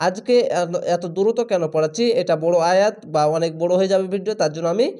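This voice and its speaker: A man teaching Quran reading in a spelled-out lesson, drawing out recited words very slowly and then explaining each rule in a plain, instructive voice. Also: high-pitched, dark tone.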